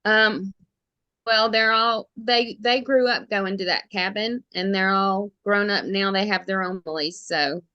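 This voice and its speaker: A woman's voice: medium pitch, fairly even intonation, unhurried, bright, forceful tone, dry recording, muffled recording. A woman with a thick Alabama Southern accent, chatting casually and informally as a realtor being interviewed. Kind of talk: casual chat.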